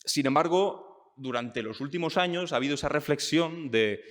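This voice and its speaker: A young man from Spain talking casually and thinking aloud, with fillers and restarts, slowing down to stress his points. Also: a little high, expressive, a bit bright, in a large hall. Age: young adult. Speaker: speaker on politics and identity. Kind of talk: casual talk.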